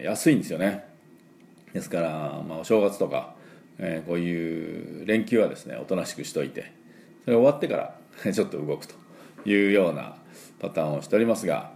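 Gravelly-voiced man teaching English pronunciation. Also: low voice. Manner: chatty, many fillers, models pronunciation slowly and loudly. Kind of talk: casual spoken English lesson.

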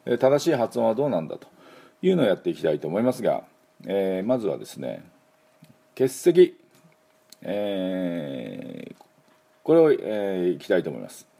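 A middle-aged man hosts a laid-back English lesson in a low, husky voice. His tone is mellow, but his pitch swings widely as he rambles through asides. He leads listeners through repeat-after-me pronunciation drills. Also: normal speed, long pauses. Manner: relaxed, chatty, many fillers and asides. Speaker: English teacher and show host. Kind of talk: casual spoken English lesson.

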